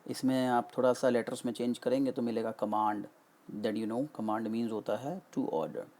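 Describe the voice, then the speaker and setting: A man's voice: mid-range voice, fairly even intonation, darkish tone. A male English vocabulary teacher giving a classroom-style lesson that mixes Hindi and English, explaining step by step and asking and answering his own questions. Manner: slows down to spell out English meanings.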